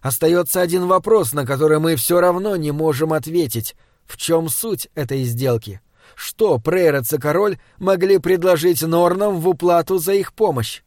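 A man reading a calm, wise old woman. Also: fairly high pitch, moderate pace, no room sound, studio quality, close to an everyday voice. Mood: measured. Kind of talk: audiobook character reading.

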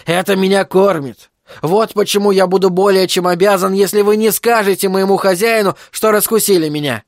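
A man voicing a crippled male showman who pleads quietly and then barks loudly at a crowd in an audiobook. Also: sits high, steady tone, a little fast, no echo, clean studio sound, pitched above the performer's own voice. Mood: pleading. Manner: loud, showy barker's patter.

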